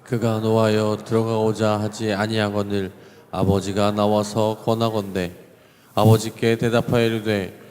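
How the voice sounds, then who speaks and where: Low, flat-voiced man reading scripture. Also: unhurried. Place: church sanctuary. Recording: long reverb of a church hall.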